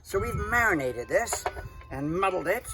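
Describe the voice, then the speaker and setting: A man's voice: high-pitched, very animated, moderate pace, over music. A man hosting a home cocktail show, chatting in an effusive, genteel, rambling way with frequent fillers. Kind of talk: casual cocktail-making chat.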